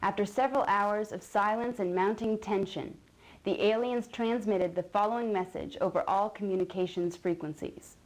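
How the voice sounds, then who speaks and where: A woman's voice: mid-range voice, normal speed, close to an everyday voice, rough recording. Woman playing a composed news reporter. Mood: neutral. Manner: even, formal newsreader delivery. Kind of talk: scripted news narration.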